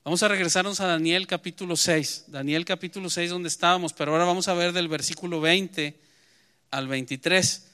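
A man preaching a sermon and reading scripture aloud, pushing his key points hard and then letting phrases fall away quietly. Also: sits high, steady tone, brisk, clear, resonant tone. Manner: emphatic preaching that swells and then drops to a quiet close. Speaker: pastor.

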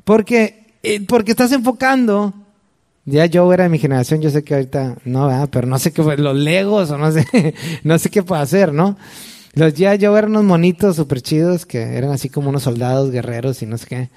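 Mexican preacher, 40s, man, slightly high, mellow voice, chatty, talks to you directly. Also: fairly quick. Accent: Mexican Spanish. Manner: conversational, addresses listener directly. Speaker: pastor. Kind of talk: sermon.

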